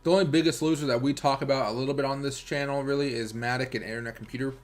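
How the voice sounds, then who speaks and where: A crypto trader hosting a livestream, this American man talks very fast at a medium pitch with a steady tone. His commentary is casual and rambling, pitched informally right at his viewers.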